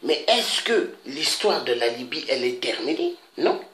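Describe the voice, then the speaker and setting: Impassioned man pleading, lively bright voice. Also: medium pitch, a little slow. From Africa. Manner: emphatic, repetitive, pleading, with frequent interjections. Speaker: activist making a public appeal. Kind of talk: impassioned spoken appeal. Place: Paris. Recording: echoey room with faint noise.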